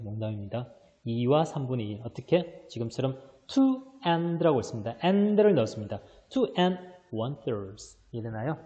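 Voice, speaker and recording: A male high school English teacher giving a recorded online lesson, explaining step by step and answering his own questions. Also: mellow, in a large hall, dull audio. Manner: mixes English readings into Korean explanation.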